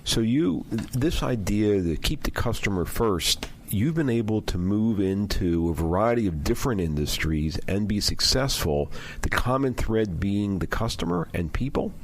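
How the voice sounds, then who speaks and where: Radio host, male, very low and animated delivery, probing, stumbles into his questions. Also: slight background noise. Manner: probing, with halting restarts. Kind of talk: radio interview.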